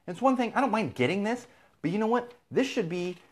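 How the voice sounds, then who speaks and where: A man's voice: high-pitched, animated, fast talker. A man from Southern California hosting a live feed, ranting casually and with exasperation, swearing freely. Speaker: podcast host.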